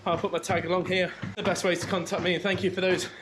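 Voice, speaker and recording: A man's voice: high-pitched, level tone, quick pace. A man chatting casually to his vlog viewers while running on a treadmill at home. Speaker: vlogger. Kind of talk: casual chat to camera. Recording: clear background noise of treadmill, clicks.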